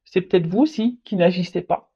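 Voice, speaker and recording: A tarot reader giving a casual reading, speaking haltingly, repeating words and adding frequent tag words. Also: medium pitch, dark tone, breathy edge. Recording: dull lo-fi recording.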